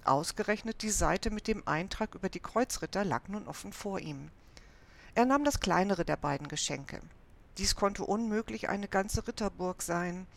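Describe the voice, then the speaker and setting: A woman reading a children's story aloud in a calm, even manner. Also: medium pitch. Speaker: narrator.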